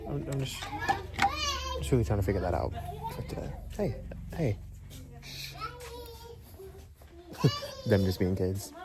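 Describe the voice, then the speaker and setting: A young vlogger with a lowish, animated voice chews gum while joking to viewers, filming on a handheld phone inside stores. He talks at normal speed with long pauses and playful asides, over heavy background noise.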